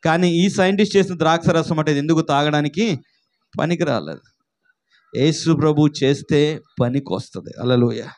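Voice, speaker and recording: A man's voice: a little high, normal speed, a little mellow. A man preaching a sermon, asking the congregation rhetorical questions and calling for responses. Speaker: pastor.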